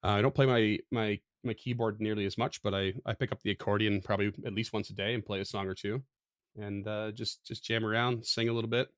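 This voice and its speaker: A man's voice: fairly low pitch, steady tone, fast, no echo, clean studio sound. A man co-hosting a podcast, talking casually with many fillers and restarts, laughing often. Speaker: podcast co-host. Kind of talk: casual chat.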